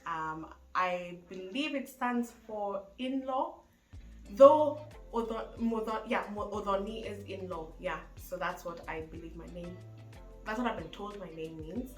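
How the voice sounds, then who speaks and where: A young Kenyan-accented woman vlogs casually to camera, chatty and full of fillers, with a mid-range voice at moderate pace. The room is echoey, with faint music behind her.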